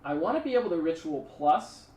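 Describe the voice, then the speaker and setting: A man's voice: fairly high pitch, big pitch swings, brisk, a little mellow, reverberant, recorded from a distance. A man streaming a card game, talking through his plays in a rambling, chatty way and thanking subscribers. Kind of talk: casual live-stream commentary.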